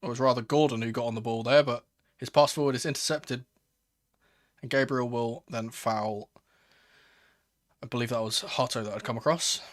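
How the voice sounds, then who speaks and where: A man commentates on a live football match as a watchalong host. He talks casually like a fan, excitable in his reactions, moving between low-key play-by-play and raised exclamations. His pitch sits at an ordinary male level. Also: moderate pace, long pauses.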